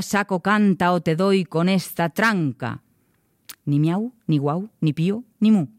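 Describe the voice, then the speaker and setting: A woman telling a folk tale to children, expressive and rhythmic, speaking directly to her listeners. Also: fairly low pitch, no echo, clean studio sound. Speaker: storyteller.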